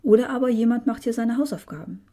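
A woman voicing a calm, friendly woman librarian who explains things, read aloud from a storybook. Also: on the high side, fast, pitched above the performer's own voice, close to an everyday voice. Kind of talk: storybook reading.

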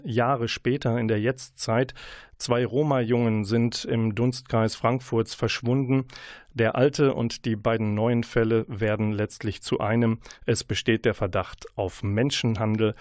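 Ein Radiomoderator stellt locker Bücher und Hörbücher vor, oft mit kleinen Ähs. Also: male voice, mid-range voice, darkish tone, dry recording, clean studio sound. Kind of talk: Radiomoderation, Buchvorstellung.

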